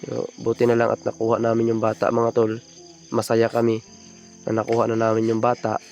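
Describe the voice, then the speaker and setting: A man's voice: medium pitch, monotone, a little fast. A man vlogging outdoors at night, thanking his viewers with heartfelt gratitude and calling them buddies. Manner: grateful, addresses viewers as buddies, warm thanks. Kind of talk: emotional vlog talk to viewers.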